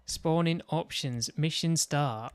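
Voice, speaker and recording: A man's voice: on the high side, slow, clean tone, no echo. A man giving casual commentary while building a game mission, thinking aloud and talking to himself. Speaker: gaming video creator.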